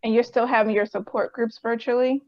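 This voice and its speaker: A woman interviewing a guest, asking questions in a gentle, prompting, affirming way. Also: a little high, fairly even intonation, a little fast, dull audio.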